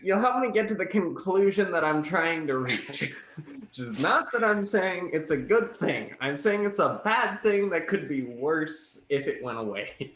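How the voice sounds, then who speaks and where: A man's voice: fairly high pitch, animated, measured pace, a bit bright, slight background noise. A young man co-hosting a podcast in casual chat, rambling through his points with many restarts. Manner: rambling, restarts often, laughs at own points. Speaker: podcast co-host. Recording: roomy echo.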